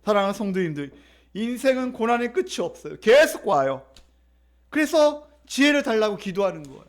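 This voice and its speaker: A male pastor preaching to his congregation in a church. His voice sits unusually high. He delivers the sermon emphatically, repeating phrases and drawing answers from the pews. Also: very animated, brisk. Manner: emphatic, repetitive preaching with congregation call-and-response. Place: church sanctuary.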